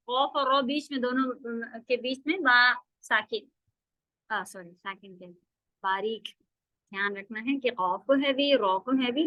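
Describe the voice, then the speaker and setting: Brief: female recitation teacher, high voice, dry close sound, drawn-out model sounds. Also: bright, forceful tone, no echo, poor audio. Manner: explains slowly, often drawing out model sounds. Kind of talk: online class lecture.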